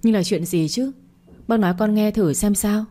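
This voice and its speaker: A woman's voice: medium pitch, normal speed, warm tone, pitched above the performer's own voice, natural voice. A woman voicing a polite worried young niece. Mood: concerned. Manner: polite, soothing.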